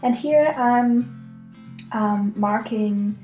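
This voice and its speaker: A woman's voice: medium pitch, very slow, lo-fi sound. A woman with a German accent chatting casually through a sewing tutorial, giggly and full of ums. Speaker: sewing vlogger. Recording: echoey room with soft guitar music.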